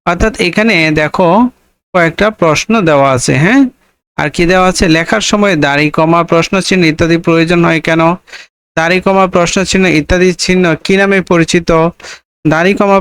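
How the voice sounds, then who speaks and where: A man's voice: high voice, a bit bright, smooth, dry recording. A man tutoring young students, reading a textbook passage aloud and then patiently asking and answering its questions. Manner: slow, explanatory, repeats questions then answers them. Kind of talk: reading and explaining a textbook lesson.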